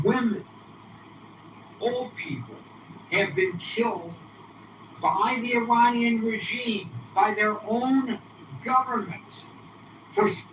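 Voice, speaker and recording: A man's voice: high voice, sharp tone. A man hosting a political call-in show, speaking with impassioned, repetitive conviction. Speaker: podcast host. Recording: roomy, distant, faint hiss.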